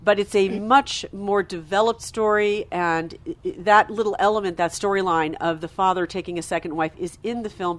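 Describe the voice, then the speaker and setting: A woman editor hosting an interview in a festival studio, framing long questions with occasional fillers. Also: medium pitch. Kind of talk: interview host.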